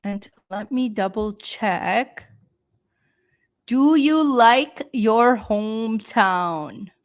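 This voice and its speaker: A woman from Canada who teaches English, giving a live-stream speaking lesson with slow, patient explanations and frequent ums and uhs. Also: fairly high pitch, lively intonation.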